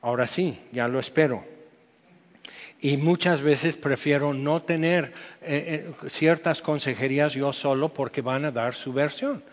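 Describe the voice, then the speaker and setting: A man's voice: on the high side, measured pace. A man with a Mexican accent, preaching a sermon as pastor in a chatty, storytelling way, full of asides. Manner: chatty, peppers speech with "o sea" and "¿ok?". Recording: dull sound with long hall reverb.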